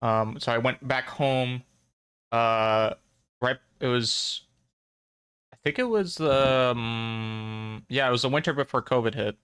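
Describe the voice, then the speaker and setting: A man's voice: mid-range voice, slow, long pauses, a bit bright, smooth, no echo. Young man rambling through a story. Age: young adult. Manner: rambling with many ums and uhs. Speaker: podcast co-host. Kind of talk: casual storytelling.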